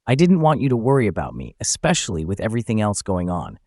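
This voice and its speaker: Tearful, pleading guilty wife, read by a male narrator, lively lilt. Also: lowish voice, fast, no room sound, clean studio sound, exaggerated voice. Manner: pleading, apologetic. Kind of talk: storybook narration.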